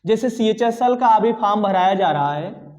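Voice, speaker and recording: High-voiced man lecturing in an echoing classroom. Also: expressive, normal speed, darkish tone. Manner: exhorting, repetitive, conversational. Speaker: teacher. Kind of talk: classroom lecture on exam preparation. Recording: dull lo-fi sound with long reverb.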